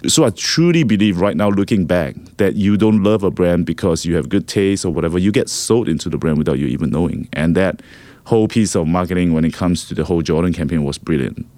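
A man's voice: sits low, animated, a little fast, a little mellow, no echo. A middle-aged man from Singapore, a guest on a podcast, speaking in a reflective way and repeating words as he thinks. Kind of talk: casual interview.

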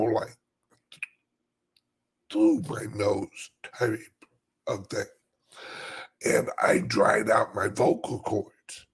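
A man with a dry, scratchy voice like a smoker's rasp, chatting casually and haltingly to his viewers in a rambling way. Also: fairly low pitch. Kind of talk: casual live chat.

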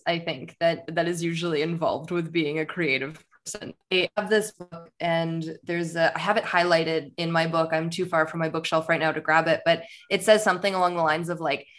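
A woman's voice: on the low side, steady tone, moderate pace, few pauses, a bit bright. A woman co-hosting a podcast in casual chat, talking at length and laughing easily. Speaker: podcast co-host.

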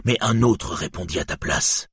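A man's voice: low voice, expressive, moderate pace, a bit bright, breathy edge, no echo, studio quality, full character voice. A man voicing a bitter, grief-stricken lame man in an audiobook reading. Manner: bitter, anguished.

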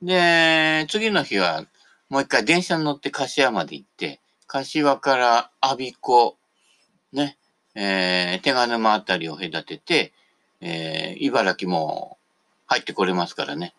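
A man's voice: mid-range voice, expressive, slow pace, gravelly, bright, forceful tone. A man hosting a casual radio talk monologue, chatty and digressive, tagging the ends of his phrases. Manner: digressive, jumps between topics.

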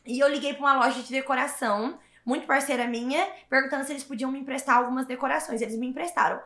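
A woman, telling her story as an interview guest in an animated, emphatic way and repeating words for stress. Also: high-pitched, quick pace. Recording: roomy echo.

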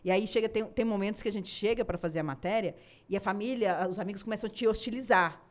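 Earnest Brazilian woman reporter. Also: medium pitch. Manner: earnest, halting with repeated words. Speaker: reporter, podcast guest. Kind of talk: casual podcast conversation.

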